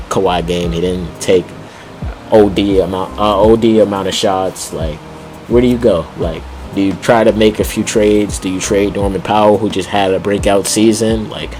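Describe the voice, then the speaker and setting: A man's voice: low voice, darkish tone. A man vlogging casual basketball commentary, rambling with plenty of fillers and slang and chuckling often. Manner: rambling, heavy on "like", quick laughs, slangy. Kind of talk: casual sports commentary vlog.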